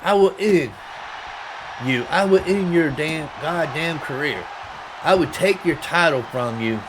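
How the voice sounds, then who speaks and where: A man's voice: on the high side, measured pace, close to an everyday voice. A man voicing a taunting rival wrestler who makes cursing threats, over crowd noise and hiss. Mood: menacing.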